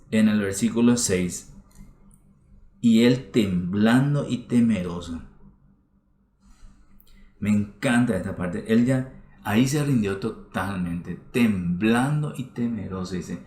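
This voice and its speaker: A pastor from Paraguay, speaking in a lowish voice with a darkish tone, preaches a sermon in a church hall and stresses his points by repeating phrases. The audio has the roomy sound of a church livestream.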